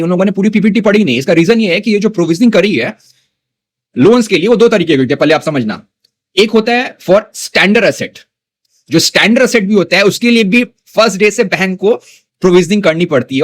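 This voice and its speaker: High-voiced man teaching stocks. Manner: conversational teaching, mixing English terms, frequent "ठीक है ना" check-ins. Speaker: stock market educator. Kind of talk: explaining stock analysis to viewers.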